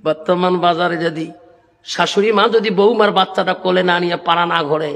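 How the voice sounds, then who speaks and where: A man's voice: sits high, steady tone, fairly quick, gravelly, fairly bright tone. A man preaching a folk sermon, calling listeners baba and beti and breaking into sung verses. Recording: long hall reverb with faint music.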